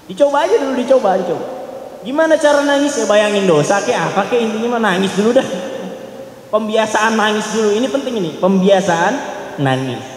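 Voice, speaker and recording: A man's voice: sits high, expressive, a little fast. A man preaching a sermon, earnestly addressing his listeners directly. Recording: roomy hall with long reverb.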